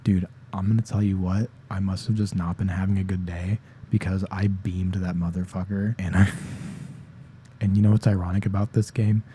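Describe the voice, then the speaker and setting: A young man rambling softly in a casual ASMR chat, sleepy and tired-voiced, often dropping into whispers. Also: sits low, flat delivery, brisk, slight background noise. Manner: rambling, slips into whispers, self-deprecating. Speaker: ASMR creator. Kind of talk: soft-spoken ASMR ramble.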